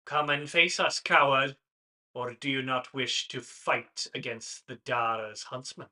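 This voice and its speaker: A man's voice: mid-range voice, little pitch movement, sharp tone. Man as a haughty, scornful elven hunter. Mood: challenging. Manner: formal, measured, scornful. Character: haughty male elven hunter, taunting and menacing. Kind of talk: tabletop game role-play.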